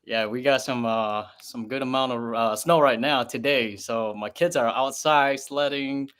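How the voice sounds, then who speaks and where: A man's voice: medium pitch, steady tone, unhurried, fairly bright tone, smooth. Easygoing man guest on a livestream. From Wisconsin. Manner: easygoing, laughs often, says dude. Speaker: guest content creator. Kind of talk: casual livestream chat.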